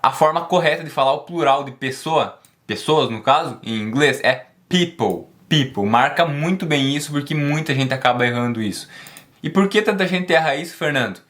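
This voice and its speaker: A man teaching an online English lesson, emphatic and encouraging, drilling words slowly and repeating them. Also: a little high, animated, a bit bright.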